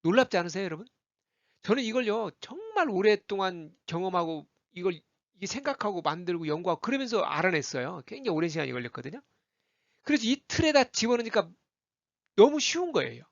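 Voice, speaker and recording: A man's voice: sits high, fast, vocal fry, no room sound, highs cut off. A man teaching English pronunciation in a spoken lesson, repeating example words over and over and coaching listeners to try them. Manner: animated, repeats example words many times for the listener to copy.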